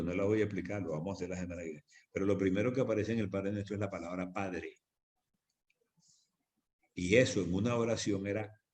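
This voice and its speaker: A man's voice: fairly low pitch, mellow. A man preaching as pastor in a church, teaching on prayer with emphatic repetition. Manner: emphatic, repeats phrases for stress.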